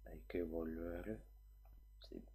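A young man, an uneasy horror game streamer muttering short, halting remarks to himself as he plays. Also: low-pitched, vocal fry, mellow, a little hiss or hum. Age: young adult. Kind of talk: casual gameplay commentary.

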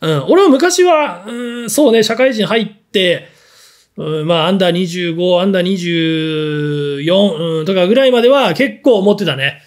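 A man with a high, animated voice runs a casual solo chat, answering listener questions. His pitch swings widely as he rambles bluntly, full of fillers and quick asides. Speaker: fashion talk show host.

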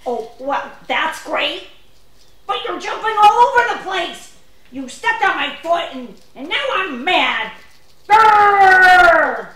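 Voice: high voice, animated, drawn-out words, sharp tone, heavy reverb, far from the mic, full character voice, poor audio. A performer voicing a grumpy puppet friend in a children's puppet show who complains huffily about a sore foot. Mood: annoyed. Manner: huffy, complains.

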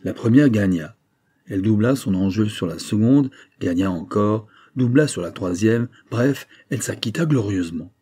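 A man narrating a classic novel as an audiobook in a steady, measured storytelling voice. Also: lowish voice, husky, no echo, studio quality.

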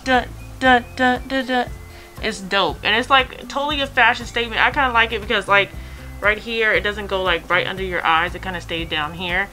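A woman's voice: mid-range voice, steady tone, moderate pace, bright, forceful tone, soft background music. Chatty woman talking through a face mask. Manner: chatty, lots of fillers. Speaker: vlogger. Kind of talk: casual product review.

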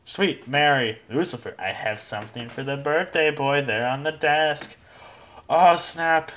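A young man giving let's play commentary, rambling and joking excitedly as he plays. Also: on the high side, unhurried, highs cut off. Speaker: gameplay commentator.

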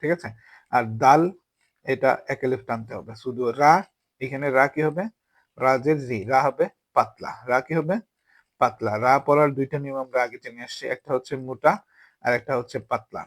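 A man with a Bangladeshi Bengali accent teaching a tajweed lesson, repeating each sound and checking that listeners follow, slowing down to model the words. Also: medium pitch, no room sound. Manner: repetitive, drilling with frequent check-ins; slows to model pronunciation. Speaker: Quran recitation teacher.

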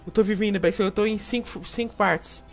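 A young man with a Brazilian Portuguese accent playing an online game with a friend, loud and excitable, yelling at the screen. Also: sits high, fairly quick, soft background music. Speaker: gamer. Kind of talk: excited co-op gameplay chatter.

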